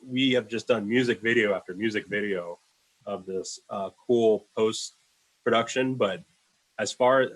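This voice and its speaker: A man's voice: mid-range voice, fairly bright tone, rough recording. A man, an in-house video producer, answering panel questions in a casual, rambling way with many fillers on a video call.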